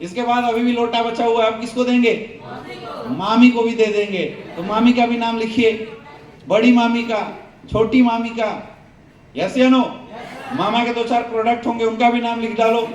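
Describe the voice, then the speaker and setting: High-voiced man leading a seminar. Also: steady tone, normal speed, highs cut off. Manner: call-and-response questions to the crowd. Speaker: sales trainer. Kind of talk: motivational seminar talk to an audience. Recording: echoey hall, mic from a distance.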